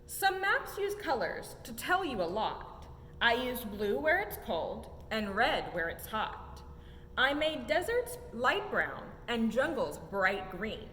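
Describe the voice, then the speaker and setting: Reading slowly, a young adult woman gives a children's picture book an expressive, sing-song treatment as a museum story-time reader, her highly animated voice on the high side. She follows the rhymes with emphatic rises and falls in an echoey exhibit room carrying a low rumble.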